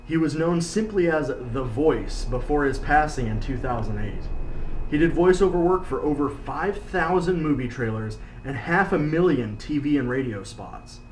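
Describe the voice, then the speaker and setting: A man's voice: a little high, lively intonation, normal speed. A man reading scripted narration for a countdown video. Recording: roomy, echoey, faint background noise.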